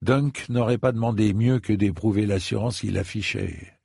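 A man reading a story aloud as an audiobook narrator, measured and deliberate, close to a studio mic. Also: fairly low pitch, a little mellow, no echo. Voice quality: gravelly. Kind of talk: scripted narration.

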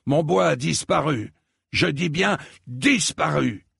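A man's voice: on the high side, slow pace, gravelly, fairly bright tone, breathy edge, dry recording, studio quality, voice pushed up, full character voice. A man voicing a proud, quarrelsome old knight who thunders with indignation in an audiobook reading. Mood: indignant.

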